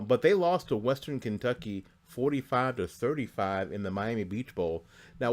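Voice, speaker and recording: A man's voice: medium pitch, a little mellow. A man hosting a sports talk show in a studio, chatting casually through college bowl game scores with asides and frequent fillers. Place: studio near Tampa Bay.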